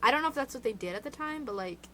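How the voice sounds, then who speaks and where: Casting: bright-voiced woman, chatty true-crime vlogger, rambles with fillers, slightly high, indoor room, faint hum behind. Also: animated, rapid-fire, rough recording. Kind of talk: casual chat retelling true crime cases.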